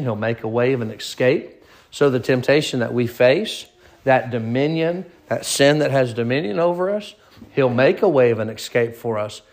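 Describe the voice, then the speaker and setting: A man in his thirties leading an informal Bible study, talking plainly and repeating phrases for emphasis. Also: mid-range voice. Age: 30s. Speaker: pastor.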